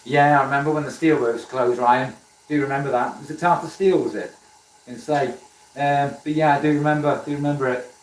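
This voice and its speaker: In a workshop where a lathe is running, a woodturning livestream host from South Wales chats casually and warmly greets viewers by name, leaning on fillers. His medium-pitched voice is brisk with fairly even intonation, sounding roomy and distant in a low-quality recording.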